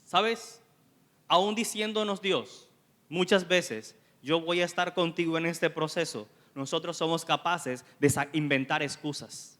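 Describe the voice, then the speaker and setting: A man preaching a sermon as associate pastor, animated and acting out the scripture dialogue. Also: fairly high pitch, unhurried. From Colombia.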